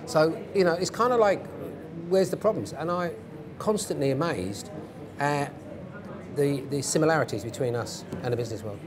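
A man's voice: on the high side, normal speed. A British man in his fifties explaining things in an interview in an instructive, emphatic way, repeating phrases for stress. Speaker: interview guest, former police hostage negotiator. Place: indoor event interview stage. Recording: crowd murmur behind voices. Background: crowd murmur.

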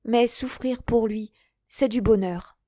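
A woman's voice: on the high side, takes it slowly, mellow, dry recording, studio quality, pitched above the performer's own voice. A woman reader voicing a young, lovestruck, trusting woman in an audiobook, with eager exclamations. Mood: tender.

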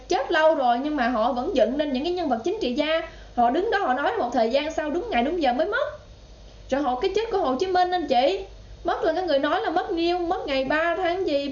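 A woman's voice: high-pitched, animated, a little fast. A woman with a Southern Vietnamese accent giving political commentary in a vlog, indignant and talking straight to her viewers. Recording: roomy, slightly dull sound.

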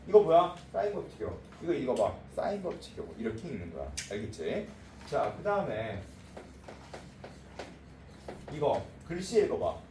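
A male math teacher with a mid-range, darkish voice lectures bluntly and informally, checking over and over that students understand. He sounds distant in an echoey room with faint noise.

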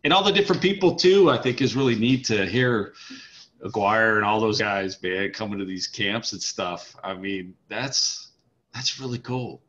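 A man with a very deep yet bright, forceful voice hosts an interview, reacting effusively to his guest's stories. The lo-fi audio sounds dull. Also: a little slow. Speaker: interview host. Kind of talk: casual interview chat.

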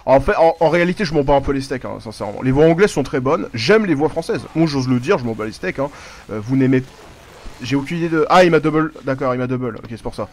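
A man's voice: medium pitch, lively intonation, quick pace, darkish tone. A man giving casual live commentary over his gameplay, rambling, swearing a lot and breaking off to react to the game. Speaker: gaming YouTuber.

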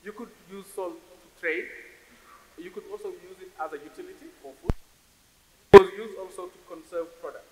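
A Senegalese man in his forties, serving as an investor on a conference panel, speaks at normal speed in a voice that sits high. He's reflective, frequently repeating words while finding the next phrase. The stand-mounted stage mic in the large hall records roomy reverb and faint hiss.

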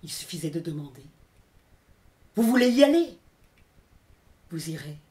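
A woman's voice: lowish voice, very animated, normal speed, dark tone, voice pushed down. A woman voicing a cold, menacing husband who speaks in a clipped, threatening way.

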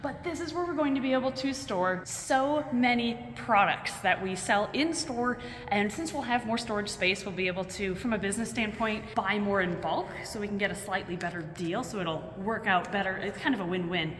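A young woman hosts a casual vlog tour of a large, empty indoor warehouse and its bare rooms, sounding animated and excited as she projects to the camera. Her voice is mid-range at a normal speed, caught by a camera mic a short distance away. The echoey space adds noise to the recording.

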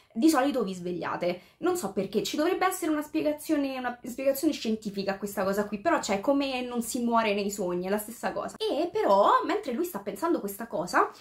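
A woman with a fairly high voice talks through a book chapter in a loose, casual way. She thinks aloud, stumbling and restarting as she goes, and every so often reads a passage aloud in English. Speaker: book reviewer. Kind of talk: casual spoken book review.

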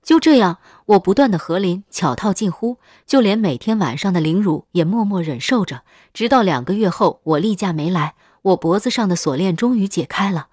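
A woman reading a dark first-person story aloud in a steady, scripted narration. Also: mid-range voice, normal speed, few pauses, no room sound, clean studio sound.

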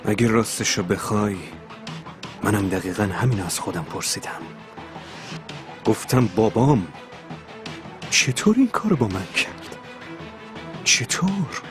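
A man's voice: on the low side, expressive, pauses often, over music, lightly acted. An actor dubbing a bitter son reflecting on his father's betrayal. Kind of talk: dubbed TV drama dialogue.

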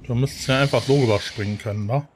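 A man's voice: medium pitch, quick pace, slight background noise. A man casually commenting on a role-playing game as he plays, sometimes reading text and choices aloud. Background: faint game music.

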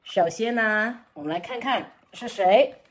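A middle-aged woman teaching young children through interactive storytelling, animated and exaggerated, repeating phrases and asking questions. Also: a little high, measured pace. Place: indoors at home, small room.

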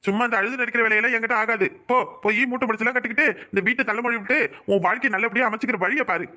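A man voicing a gruff young village husband in a cartoon, curt and scolding. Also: extremely high pitch, racing, pushed and bright, exaggerated voice. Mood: brusque. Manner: brusque and scolding. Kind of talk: cartoon voice acting.

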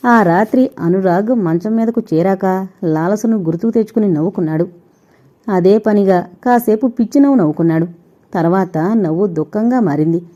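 Dark-voiced woman reading a novel. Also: mid-range voice, normal speed. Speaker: audio novel narrator. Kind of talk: scripted narration. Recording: dull lo-fi recording.

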